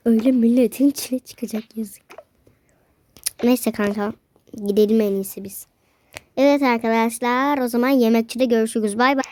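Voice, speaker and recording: A woman's voice: on the high side, a little mellow, a little hiss or hum. A woman vlogging casually, talking to her viewers as friends and often dropping into whispered asides. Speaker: prank vlogger.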